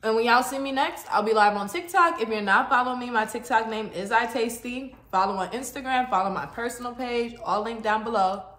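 A young woman with a drawl talks casually to her viewers in a vlog, her voice sitting slightly high for a woman. She is chatty and relaxed, eating between sentences as she runs through her plans for the day. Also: a little fast, hardly any pauses, reverberant. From Texas. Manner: chatty, addresses viewers as y'all. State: eating while talking. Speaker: lash business owner and vlogger.

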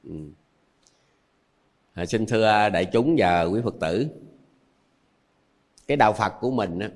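A man's voice: fairly low pitch, a little slow, darkish tone. A man in his eighties with a Southern Vietnamese accent, a Buddhist monk giving a folksy, repetitive dharma talk full of everyday examples. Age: 80s. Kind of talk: dharma talk to lay followers.

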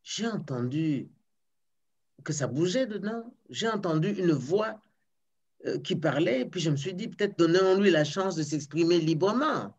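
Une conteuse qui joue un pêcheur humble et craintif, qui bafouille et s'excuse. Il parle avec hésitation, en cherchant ses mots. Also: female voice, fairly low pitch, animated, unhurried, a little mellow, husky, highs cut off, heavily acted. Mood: timid. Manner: hesitant, stammering, apologetic. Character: timid, humble male fisherman.

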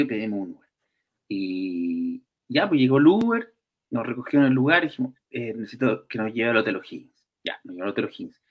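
A man with a Chilean accent, a comedian telling a story in lively, slangy talk. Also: mid-range voice. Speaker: comedian guest. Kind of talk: comic storytelling.

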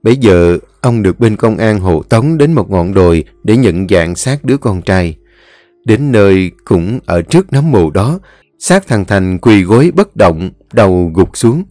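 A man narrating a scripted ghost story in a measured, somber way. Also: lowish voice, lively intonation, dark tone, no room sound, studio quality, faint music behind.

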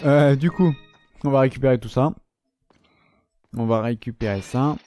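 A man's voice: medium pitch, moderate pace, soft background music. Young man swearing through a let's-play. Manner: joking, swears a lot, shouts at enemies. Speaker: gaming video host. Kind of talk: casual let's-play commentary.

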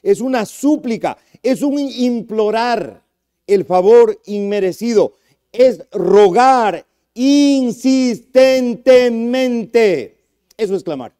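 A man preaching a passionate sermon as pastor, speaking straight to his listeners and swinging from loud cries to hushed lines. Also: extremely high pitch, lively intonation, slow, smooth. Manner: addresses listeners directly as brother. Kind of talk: Spanish-language sermon.

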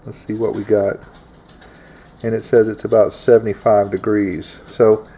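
A man's voice: lowish voice, level tone, a little slow, dark tone, husky. A man giving a plain-spoken, folksy how-to demonstration outdoors, repeating his warnings. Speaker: DIY home repair instructor. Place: outdoors beside an air conditioner unit.

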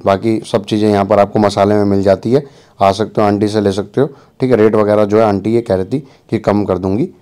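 A man's voice: fairly low pitch, mellow. A young man vlogging casually from an outdoor market, chatting and repeating himself as he walks through. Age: young adult. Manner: chatty, repetitive, keeps saying "bhai" and "theek hai". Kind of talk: casual market walkthrough vlog. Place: outdoor open-air market.

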